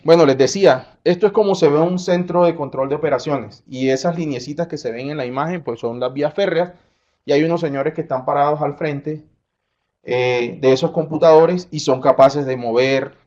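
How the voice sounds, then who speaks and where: A man's voice: medium pitch, darkish tone. A middle-aged man from the Colombian Caribbean coast with a coastal accent, giving a conference talk in a conversational way, full of fillers and self-corrections. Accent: Colombian coastal Spanish. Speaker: conference speaker. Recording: slightly dull lo-fi sound.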